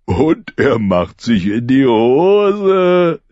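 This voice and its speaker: A man's voice: medium pitch, big pitch swings, drawn-out words, darkish tone, no echo, voice pushed up. A man voicing a fat, sunburned orphan boy who greedily taunts and bullies. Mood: taunting. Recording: slightly muffled recording.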